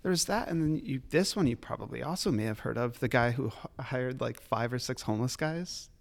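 A man's voice: mid-range voice, a little fast, gravelly. A man, a liquor retailer telling rambling, laughing stories in a casual podcast chat. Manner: rambling storyteller, laughs often, swears. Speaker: liquor store retailer, guest.

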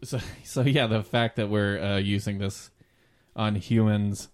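A man in a casual podcast chat, reading facts aloud in a measured way with some stumbles. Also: lowish voice, steady tone, darkish tone. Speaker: podcast co-host.

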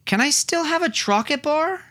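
A high, drawn-out child's voice pleads and begs with eager little-boy energy in a storybook reading. The voice bounces lively up and down. It sounds nothing like a grown-up. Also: exaggerated voice. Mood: pleading.

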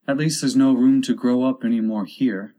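A man's voice: medium pitch, fairly even intonation, normal speed, dark tone, natural voice. A man voicing a curious young girl who muses and questions herself in a storybook. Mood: musing. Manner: wondering, self-questioning.

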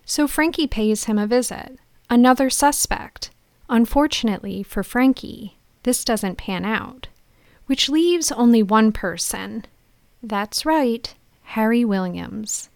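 Female film podcaster, playful scripted storyteller, fairly high pitch, very dry recording. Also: slow pace, vocal fry, no room sound. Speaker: podcast host.

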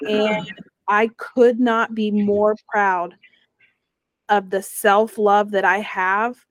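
Taking her time in a mid-range voice, a young woman guest tells a personal story during a casual interview. She brings it to life by performing the voices she quotes, and the recording is dry.

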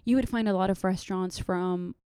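In a casual interview chat, a young Saudi woman appearing as a guest talks in a loose, chatty way, full of fillers and restarts. Her mid-range voice is mellow and smooth and she speaks briskly. The recording is dry and close, with no echo.

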